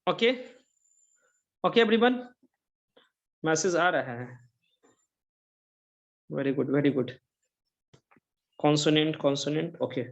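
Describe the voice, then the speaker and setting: A man's voice: on the high side, takes it slowly, creaky, long pauses, lo-fi sound. A man with an Indian accent teaching an online English lesson, mixing Hindi and English and often checking whether students follow. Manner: mixes Hindi and English, repeats checking questions. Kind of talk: online English grammar lecture.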